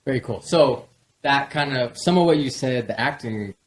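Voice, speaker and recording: A man's voice: mid-range voice, expressive, moderate pace. A man from Southern California hosting a podcast, asking questions and giving frequent short encouraging replies. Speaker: podcast host. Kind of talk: casual interview chat.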